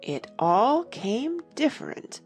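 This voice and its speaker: A woman voicing a sorrowful, drowsy male Mock Turtle who speaks slowly and takes offence easily, in a dramatized audiobook. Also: fairly high pitch, sing-song, a little mellow, soft background music. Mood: thoughtful. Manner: slow, touchy, pedantic.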